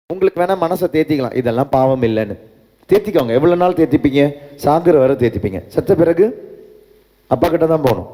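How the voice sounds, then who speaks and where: Priest preaching in an echoing church. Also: male voice, a little high, warm tone. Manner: preaching with repeated refrains, switching into English. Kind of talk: sermon. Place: large church. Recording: long church reverb.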